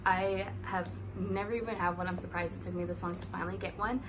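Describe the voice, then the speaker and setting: A woman's voice: fairly low pitch, fairly even intonation, quick pace, background noise. A young woman in her twenties chatting through a casual unboxing vlog, upbeat and thinking aloud, filmed by a camera in front of her in a living room. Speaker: vlogger. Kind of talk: casual product haul vlog. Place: living room at home, indoors. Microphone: camera in front at table distance.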